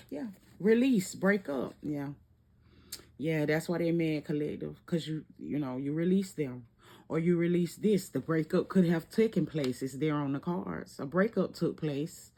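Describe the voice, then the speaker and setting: A woman hosting a casual tarot love reading, animated and sassy, laughing often. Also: lowish voice. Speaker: tarot reader.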